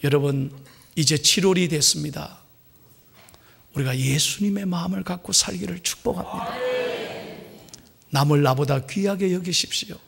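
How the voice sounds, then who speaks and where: High gravelly-voiced preaching man. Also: moderate pace, long pauses, a little hiss or hum. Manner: emphatic, dramatic swings between loud and hushed. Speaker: pastor. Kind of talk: sermon.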